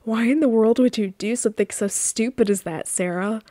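A woman reading the lines of a bossy, controlling wealthy mother in a story game, briskly and commandingly. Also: on the high side, warm tone, dry recording, close to an everyday voice. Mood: stern.

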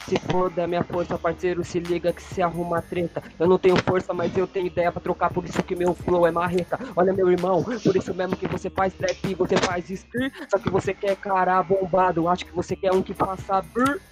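A Brazilian man freestyling in a rap battle, steady and confident. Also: sits high, fairly quick, hardly any pauses, music in the background, low-quality recording. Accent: Brazilian Portuguese. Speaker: freestyle rapper.

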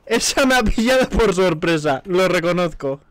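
A man's voice: sits high, normal speed, dry recording, faint music behind. A man with a Spanish accent from Spain, joking through a let's play and slipping into mock-dramatic cries. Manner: animated, jokey, slips into mock-dramatic cries. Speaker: gaming YouTuber.

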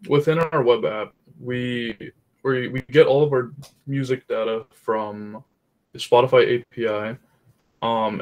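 Flat-voiced young man from Florida. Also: mid-range voice. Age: 20s. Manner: casual, flat, with uh and um fillers. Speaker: student presenter.

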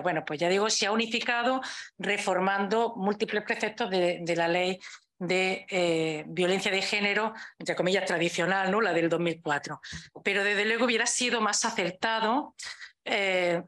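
A Spanish-accented woman, a legal expert, gives a conference talk on law over video, explaining her points with frequent rhetorical questions. Her voice is medium-pitched and fairly bright.

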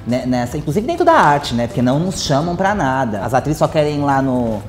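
A woman's voice: a bass voice, sing-song, brisk, darkish tone, echoey room, slight background noise. A frank, outspoken woman, talking in a casual round-table discussion. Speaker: actress in a panel discussion. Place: red-lit cultural space indoors.

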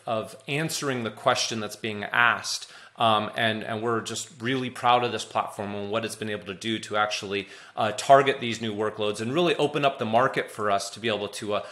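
Middle-aged guy on a panel call, lowish voice, eager, keeps repeating words. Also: a bit bright. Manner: enthusiastic, repeats words as he talks. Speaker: panelist from a tech company. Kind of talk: panel discussion over video call. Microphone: webcam on a video call.

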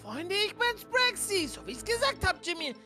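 Super high bright-voiced woman, nervous and fretful, gaming roleplay. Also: very animated, normal speed. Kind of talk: Minecraft role-play. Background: game music.

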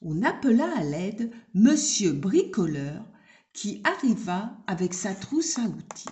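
A woman reading a children's story aloud in a gentle, unhurried way. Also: mid-range voice, big pitch swings.

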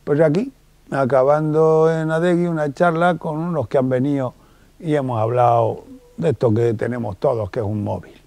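Male psychologist lecturer, colloquial and animated with acted-out dialogues, mellow tone, dry close sound. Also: medium pitch, normal speed, vocal fry, no echo. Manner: colloquial, acts out little dialogues in different voices. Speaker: psychologist giving a conference talk. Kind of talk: lively public lecture.

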